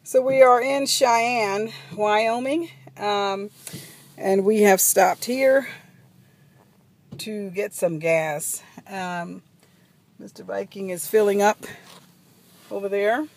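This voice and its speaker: A middle-aged woman travel vlogger chats to her phone camera, held at arm's length, from a minivan parked at a gas station. Her mid-range voice moves slowly with long pauses as she rambles along with ums and asides.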